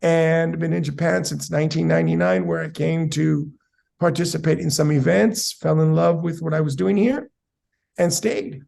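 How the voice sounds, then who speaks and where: Man from san diego, 40s, really gravelly voice, talks like an academic, lots of ums. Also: on the high side, fairly even intonation, darkish tone, slight background noise. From South San Diego, USA. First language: Spanish and English. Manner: measured, academic, with many fillers. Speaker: capoeira master, guest. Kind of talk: casual interview answers.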